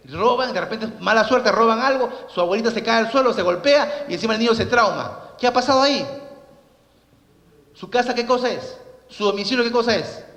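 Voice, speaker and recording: Picture a man lecturing on law in a large hall with a long, echoing reverb. He talks fast and in a high voice. He tells anecdotes full of rhetorical questions and sound effects. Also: fairly bright tone. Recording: echoey hall recording.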